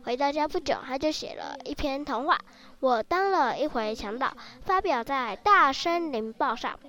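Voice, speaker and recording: A woman reading a children's story aloud in a lively, expressive way. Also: sits high, normal speed.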